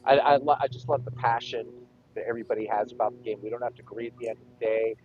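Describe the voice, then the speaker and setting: A man's voice: mid-range voice, fairly even intonation, racing, crowd noise. A man co-hosting a live stream in casual chat, his voice coming through with a tinny transistor-radio sound, upbeat and grateful. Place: home room. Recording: dull lo-fi mic with faint hiss.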